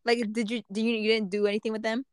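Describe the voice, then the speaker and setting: A woman's voice: a little high, level tone, quick pace, smooth, no echo. Teasing woman hosting a podcast. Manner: teasing, prompting questions. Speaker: podcast host. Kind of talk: casual chat.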